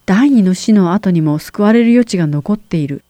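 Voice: mid-range voice, animated, moderate pace, mellow, no room sound. A questioner in a Bible Q&A who agrees politely and reads scripture verses aloud carefully. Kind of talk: Bible Q&A conversation.

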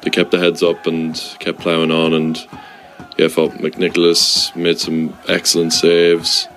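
A man with a west of Ireland accent gives an informal football fan's match reaction, pausing often mid-thought. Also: extremely low pitch, monotone, a bit bright, rough recording. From Sligo, west of Ireland. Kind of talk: informal spoken match review.

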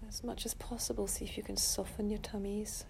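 A woman leading a calm grounding exercise as a meditation guide, speaking softly and breathily with long soothing pauses. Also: mid-range voice, vocal fry, a little hiss or hum.

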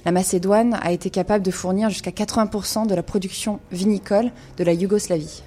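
A woman's voice: medium pitch, fairly even intonation, fast, mellow, slight background noise. A woman giving a radio wine segment, explaining in an informative way with frequent hesitations. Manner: informative, many hesitations with euh. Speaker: wine columnist.

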